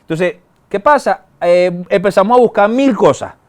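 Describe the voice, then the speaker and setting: High-voiced pastor preaching. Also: male voice, expressive, a little mellow. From Venezuela. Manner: conversational preaching with colloquial asides and quick bursts. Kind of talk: sermon.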